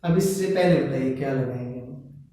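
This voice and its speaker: A man's voice: mid-range voice, moderate pace, dark tone. A man teaching an English grammar lesson at a board, repeating each word several times and asking the students questions. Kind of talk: slow blackboard grammar lesson. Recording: echoey room, voice from a distance.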